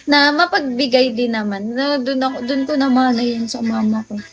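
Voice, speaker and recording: A woman's voice: a little high, moderate pace. A woman from the Philippines chatting casually with viewers on a late-night phone livestream, telling stories and laughing often.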